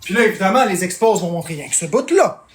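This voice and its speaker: A man's voice: sits high, animated, fast talker, echoey room. A man with a Québécois French accent, a streamer venting in a heated, swearing rant at his chat. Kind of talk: angry livestream rant.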